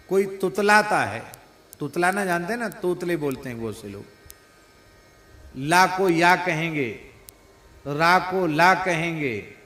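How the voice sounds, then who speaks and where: A man gives a devotional sermon at an unhurried pace, slipping into slow sung verses between his explanations. His voice sits a little high for a man. It rings out in a roomy, echoing space. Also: fairly bright tone. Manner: sings devotional verses slowly, explains with playful imitation of mispronunciations. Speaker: spiritual preacher.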